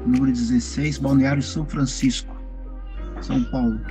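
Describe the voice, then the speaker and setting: Man in his 50s saying who he is, plain and steady, music underneath. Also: mid-range voice, moderate pace. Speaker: interviewee. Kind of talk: documentary interview.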